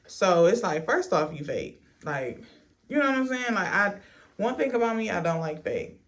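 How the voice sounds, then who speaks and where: A woman tells a story in a casual vlog style while getting ready. She is blunt and sassy, with plenty of swearing. Her medium-pitched delivery stops and starts as she goes. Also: sing-song. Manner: unhurried stop-and-start delivery while doing a get-ready-with-me. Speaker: storytime vlogger.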